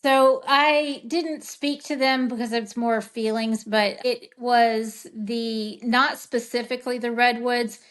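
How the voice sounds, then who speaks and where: A woman's voice: fairly high pitch, fairly even intonation, slow pace, few pauses, fairly bright tone. A woman in a casual group conversation, talking in a meandering, reflective way with many fillers. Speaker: medium in group session.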